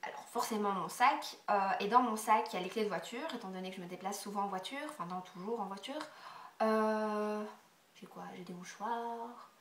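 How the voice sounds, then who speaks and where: A young woman with a congested, stuffy nose answers tag questions for her vlog in a loose, chatty way, full of hesitations and little quiet asides. Her voice comes across bright and clear in tone. She sits back from the microphone, and the room echoes around her. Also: medium pitch, moderate pace, distant mic, a little hiss or hum. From Belgium. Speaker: beauty vlogger. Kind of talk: casual Q&A tag video.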